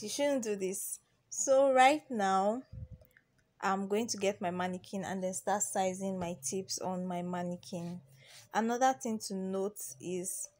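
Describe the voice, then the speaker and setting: With a medium, slightly mellow voice, the young Nigerian woman narrates her nail tutorial for beginners as a voice-over. Her talk is chatty, repetitive and full of ums and restarts.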